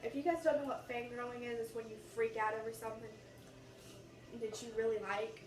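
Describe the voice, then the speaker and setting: A woman's voice: a little high, fairly even intonation, a little fast, darkish tone. A teenage girl with an American accent telling a story casually as a vlogger, animatedly acting out the dialogue as she goes. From United States. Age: teens, about sixteen. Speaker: YouTube vlogger. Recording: roomy echo, distant mic, faint noise.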